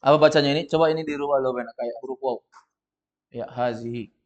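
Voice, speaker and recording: A man with an Indonesian accent leads a classroom lesson at an even middle pitch. He guides students patiently, spelling things out step by step and reading sentences slowly and loudly. The recording is muffled and lo-fi. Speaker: Arabic teacher. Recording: dull lo-fi recording.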